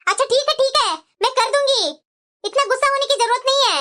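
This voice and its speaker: A woman voicing a selfish, sharp-tongued elder daughter-in-law in a cartoon, sarcastic and resentful. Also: extremely high pitch, fast talker, over loud music. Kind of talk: cartoon voice acting.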